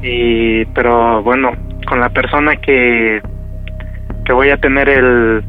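A man's voice: mid-range voice, flat delivery, takes it slowly, phone-quality sound, soft background music. A man in his early thirties with a Mexican accent, chatting casually and hesitantly as a radio caller. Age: early 30s. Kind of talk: casual phone chat.

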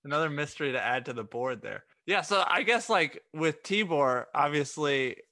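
A podcast co-host asks long, loose casual interview questions packed with "like" and "you know." His voice is on the high side, bright and forceful, with lively intonation, a moderate pace and no echo.

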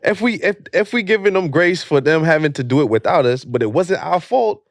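A man's voice: a little high, animated, brisk, vocal fry, dry recording, clean studio sound. A man in an informal debate, putting questions and restarting his phrases as he builds them. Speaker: debate panelist.

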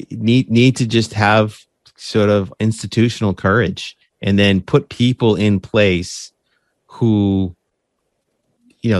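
In studio-quality sound with no echo, a fairly low-pitched man discusses running his podcast during a casual interview where he's the guest. He's earnest and conversational, repeating words, restarting phrases, and often tossing in a "right?"

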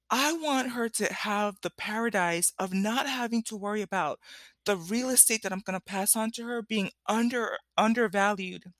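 A woman's voice: mid-range voice, fairly bright tone, no room sound. A woman content creator speaking directly to her followers in impassioned commentary, emphatic, repeating key phrases and checking in as she goes. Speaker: content creator, host of a solo show.

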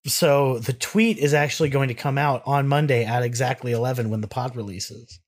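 Male podcast co-host, Texan accent, mid-pitched voice, sarcastic banter. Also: fairly even intonation. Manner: wry, bantering, with quick sarcastic comebacks. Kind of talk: casual chat.

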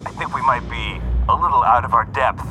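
A man's voice: medium pitch, fairly quick. A man playing a tabletop game in a jokey manner, with laughing asides. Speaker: player. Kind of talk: casual tabletop role-play. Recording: noisy recording.

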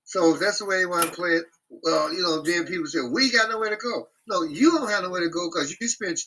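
A man hosting a casual group talk, speaking bluntly and profanely in an animated rant. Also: high voice, fairly quick, a little hiss or hum, rough recording.

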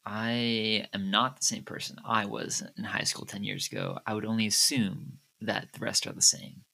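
A man voicing a weary, guarded woman in her late twenties who speaks quietly and evasively. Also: lowish voice, sing-song, moderate pace, vocal fry, full character voice.

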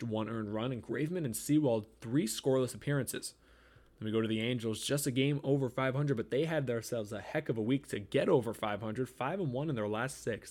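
A man hosting a podcast, reading off a weekly sports recap as quick lists of statistics. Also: mid-range voice, a little mellow. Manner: reels off stats in quick lists. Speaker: podcast host.

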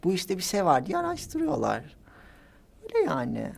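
A nineteen-year-old man telling stories as a guest in a casual interview, animated and giggly, acting out the people he quotes. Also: high voice, normal speed, vocal fry, very noisy. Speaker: guest, social media personality.

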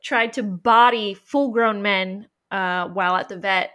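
A woman's voice: medium pitch, unhurried, fairly bright tone. A woman co-hosting a podcast, casually telling stories, swearing freely and laughing often. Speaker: podcast co-host. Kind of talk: casual chat. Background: her dog on camera.

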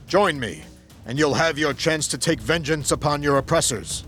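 A man's voice: a little high, normal speed, fairly bright tone, faint music behind, close to an everyday voice. A man voicing a determined young god king who speaks firmly and with command. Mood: persuasive. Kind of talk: audio drama acting.

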